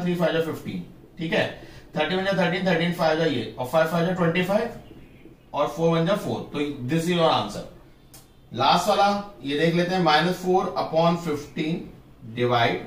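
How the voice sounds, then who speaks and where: A man's voice: on the high side, recorded from a distance, slight background noise. A man teaching math in a casual classroom style, talking through each step of the working and checking that pupils follow. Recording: roomy, from off the mic.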